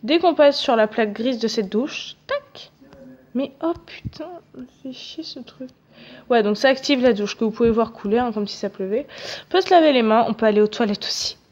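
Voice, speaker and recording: A young woman talks through her gameplay in a loose, chatty way, poking fun at herself and cursing casually when the game acts up. Her voice sits a little high. The recording is somewhat dull and lo-fi. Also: fast talker, a little mellow. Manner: chatty, self-mocking, swears casually at the game. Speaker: gaming video creator. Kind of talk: casual let's-play commentary. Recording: dull, slightly lo-fi audio.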